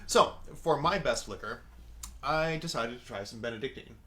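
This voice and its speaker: A man's voice: mid-range voice, normal speed, bright, forceful tone. A man co-hosting a drink tasting show. He speaks in a dry, wry way and moves the segment along. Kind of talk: casual tasting chat.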